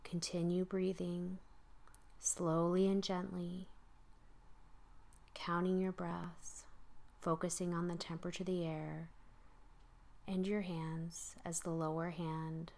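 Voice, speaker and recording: A woman guiding a slow breathing meditation in a calm, soothing voice, often sinking into soft whispers. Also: lowish voice, creaky. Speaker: meditation guide.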